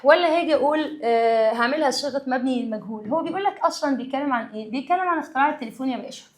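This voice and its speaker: Fast-talking high-voiced Egyptian woman teacher. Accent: Egyptian Arabic. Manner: lively, addresses students directly, mixes English terms into explanation. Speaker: English teacher. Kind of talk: exam review lesson.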